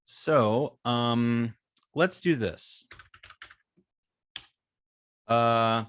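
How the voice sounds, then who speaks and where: Drawing out his words, this web design instructor has a mid-range, slightly bright, clear and resonant voice. He teaches an informal hands-on coding lesson, hesitantly thinking aloud and trailing off mid-sentence.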